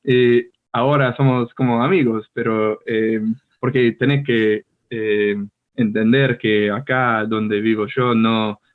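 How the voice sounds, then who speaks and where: A man's voice: medium pitch, steady tone, slow pace, smooth. A young American man whose first language is English, speaking Spanish with a picked-up Argentine accent, hesitant and searching for words in a casual chat. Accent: Argentine Spanish, learned as an American. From United States. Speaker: podcast co-host. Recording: tinny phone-like call audio.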